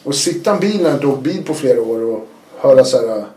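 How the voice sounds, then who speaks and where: Animated man telling stories. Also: mid-range voice, echoey room. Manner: animated, acts out quotes with sudden loud bursts. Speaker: interview guest. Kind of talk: casual storytelling interview.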